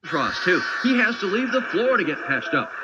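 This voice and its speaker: A man narrating basketball highlights as a TV sports reporter, in clipped play-by-play phrases. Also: big pitch swings, moderate pace. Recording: noisy lo-fi 1990s TV broadcast.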